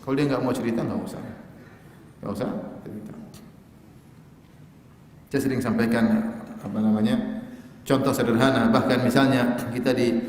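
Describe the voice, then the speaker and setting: A man's voice: mid-range voice, normal speed, long pauses, slight background noise. A man giving an Islamic lecture in a casual, joking way, acting out short exchanges as he teaches. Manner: lively, joking, acts out little dialogues. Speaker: Islamic preacher. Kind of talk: religious lecture. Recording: echoey hall with long reverb.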